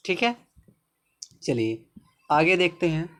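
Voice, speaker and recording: A man with a Hindi accent teaching English pronunciation, explaining slowly and repeating words, often checking in with the viewer. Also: a little high, sing-song, a bit bright, slight background noise.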